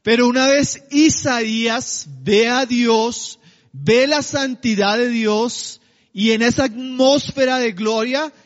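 A man delivers a sermon in a strikingly high voice, stretching out his key phrases for weight. He keeps turning to the congregation with questions. The sound is dull and muffled, with a long echo trailing off in a large hall. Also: fairly even intonation. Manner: slows to a drawn-out, emphatic cadence on key phrases; addresses the congregation with rhetorical questions. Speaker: preacher.

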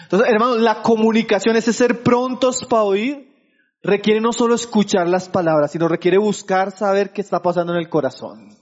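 Pastor, male, very high voice; sermon with rhetorical questions to the congregation, muffled recording. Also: fairly even intonation, moderate pace. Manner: keeps asking the congregation for agreement; addresses listeners as brothers.

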